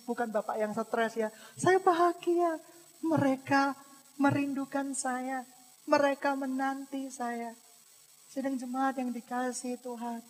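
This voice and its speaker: A man preaching a sermon as pastor, moving between hushed asides and loud, dramatic passages, and asking the congregation questions. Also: very high voice. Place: church hall. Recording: echoey church hall.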